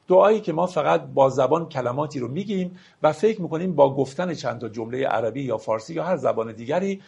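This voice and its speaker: A man teaching classical poetry, reciting verses slowly and explaining them plainly, sometimes asking his listeners questions. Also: fairly high pitch, creaky, a little mellow, husky, muffled recording.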